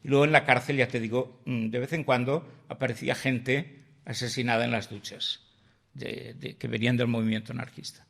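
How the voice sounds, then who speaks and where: Older man, gravelly voice, animated storyteller, podcast guest. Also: mid-range voice, a little fast. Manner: vivid anecdotal storyteller, acts out dialogue, swears casually.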